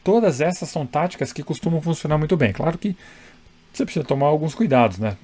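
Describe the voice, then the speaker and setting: A man's voice: on the high side, animated, fast, warm tone. A man coaching public speaking straight to the camera, chatty and emphatic, often checking in with the viewer. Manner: conversational, tag questions, emphatic. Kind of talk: direct-to-camera advice.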